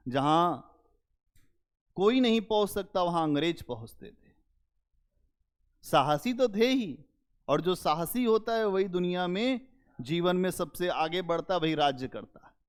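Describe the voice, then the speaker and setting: A man teaching an exam-prep history lecture, speaking slowly and emphatically, repeating key phrases and asking students rhetorical questions. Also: on the high side, clear, resonant tone.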